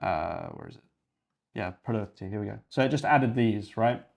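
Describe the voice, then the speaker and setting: This young man from Yorkshire speaks at normal speed in a fairly low, creaky voice that's quite expressive. While hosting a coding livestream he chats casually, rambling and thinking aloud as he clicks around.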